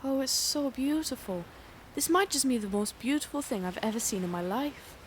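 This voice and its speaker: A young actress playing an earnest, kind-hearted teenage girl in an audio play, gentle and wistful. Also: sits high, lively intonation, moderate pace, a little hiss or hum. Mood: dreamy. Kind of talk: youth theatre audio play.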